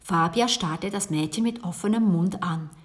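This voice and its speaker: A woman narrating a children's story in a clear, even storytelling manner. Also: on the low side, moderate pace. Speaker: audiobook narrator.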